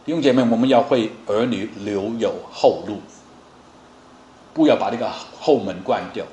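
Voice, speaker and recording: A man's voice: fairly low pitch, moderate pace, warm tone, reverberant, a little hiss or hum. A man preaching a sermon in a conversational way, with fillers and frequent rhetorical questions. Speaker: pastor.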